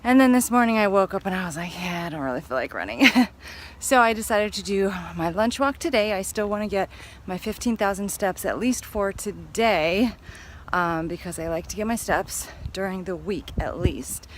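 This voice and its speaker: A woman's voice: mid-range voice, normal speed. Woman vlogger walking outdoors, casual upbeat chatter, a bit winded, light traffic noise. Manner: chatty, upbeat, rambling with fillers. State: slightly out of breath. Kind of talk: casual vlog chat. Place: outdoors on a walk.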